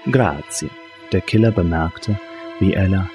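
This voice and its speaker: A man's voice: fairly low pitch, fairly quick. A man reading a thriller audiobook in tense, dramatic scripted narration. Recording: narration over music. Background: music.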